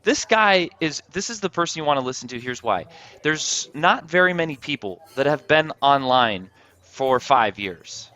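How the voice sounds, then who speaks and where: A man hosting a business interview show, talking in a hyped, fast way and often repeating words. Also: medium pitch, lively intonation, sharp tone, muffled recording. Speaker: podcast host. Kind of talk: energetic interview intro and chat.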